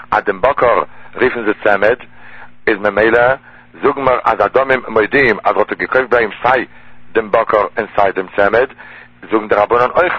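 A man, explaining a Talmud passage in a steady lecture style. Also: fairly low pitch, breathy edge, no echo. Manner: steady explanatory delivery in Yiddish-inflected German. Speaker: Talmud teacher. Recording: dull lo-fi dry recording.

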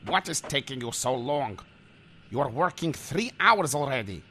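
A man's voice: mid-range voice, very animated, moderate pace, noisy background, lightly acted. A man playing an impatient, demanding boss who barks orders. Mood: incredulous. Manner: barking, bossy, exasperated.

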